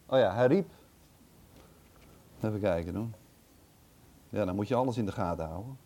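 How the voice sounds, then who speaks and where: A man's voice: lowish voice, expressive, very fast, warm tone. A man reading a Bible passage aloud and commenting on it casually, thinking aloud with hesitant, chatty asides. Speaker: Bible teacher.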